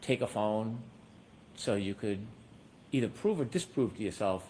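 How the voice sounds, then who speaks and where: A man's voice: on the low side, expressive, measured pace, mellow, a little hiss or hum, rough recording. A man questioning a witness as an attorney in a courtroom recording, asking probing questions with frequent hesitations.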